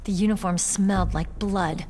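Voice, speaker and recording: An actress voices a tough, sassy young female soldier in a video game cutscene, delivering lines in a wry, teasing, stubborn way with a guarded mood. Her voice is medium-pitched, steady, a little mellow, at normal speed and close to everyday speech. Game soundtrack music plays behind her, with a little hiss or hum.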